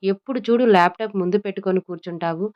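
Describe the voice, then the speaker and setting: ఆటపట్టించే యువతి ప్రసన్న, ఒక మహిళ చదువుతూ. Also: female voice, mid-range voice, rapid-fire, dull audio, close to an everyday voice. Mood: teasing. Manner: teasing, mock-angry. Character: playful bossy young woman, quick to scold.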